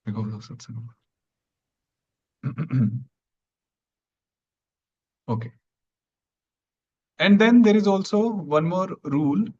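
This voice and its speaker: A man teaching an online grammar class, explaining patiently step by step and clearing his throat now and then. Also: fairly high pitch, animated, takes it slowly, pauses often, dark tone, lo-fi sound.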